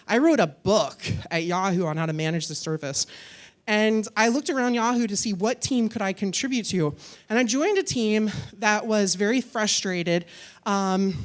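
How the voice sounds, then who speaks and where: Casual chatty woman giving a conference talk. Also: mid-range voice. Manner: casual, chatty, plays to the audience. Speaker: conference speaker. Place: conference hall.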